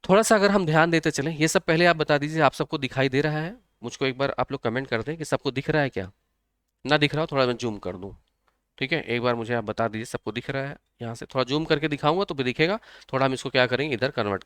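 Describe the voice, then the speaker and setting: A man teaches a live online geography lesson for exam preparation, repeating key points and checking that students can follow. His voice is smooth and resonant. It is recorded dry and close. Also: medium pitch, fast, a bit bright, dry recording. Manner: repetitive, checks on students, uses memory tricks.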